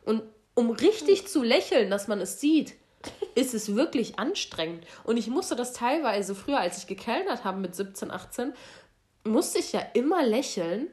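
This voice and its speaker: A woman's voice: fairly high pitch, big pitch swings, normal speed, a little mellow. A young woman in casual chat, blunt and outspoken in how she talks.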